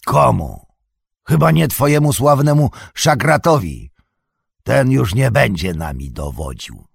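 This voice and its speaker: A man's voice: medium pitch, big pitch swings, a little slow, vocal fry, husky, dry recording, studio quality, exaggerated voice. A man voicing a sly, cowardly male orc tracker in an audiobook reading, sneering and muttering. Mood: spiteful.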